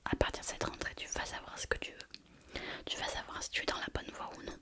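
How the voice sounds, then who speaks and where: Woman as a whispering fortune teller, whispered role-play. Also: lightly acted. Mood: insistent, reassuring. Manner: slow, repetitive fortune-teller delivery, addressing the listener. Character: mystical female fortune teller reading horoscopes, mysterious and reassuring.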